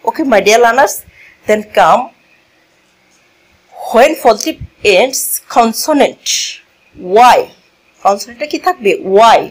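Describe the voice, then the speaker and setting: Slow, patient woman teaching grammar. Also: fairly high pitch, animated, low-quality recording. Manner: slow, repeats key words and asks the class questions; switches between languages mid-lesson. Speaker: English teacher. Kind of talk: classroom grammar lesson. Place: classroom with a board.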